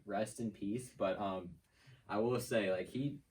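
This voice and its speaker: A man's voice: fairly low pitch, measured pace, darkish tone, far from the mic, rough recording. A young man co-hosting a student podcast, talking in a laid-back, hesitant way. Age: young adult. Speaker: co-host. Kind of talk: casual chat.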